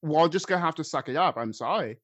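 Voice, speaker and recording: A young man co-hosting a podcast, calmly explaining his views in casual chat. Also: on the high side, quick pace, no room sound. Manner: calm, reasoning, explanatory. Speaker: podcast co-host.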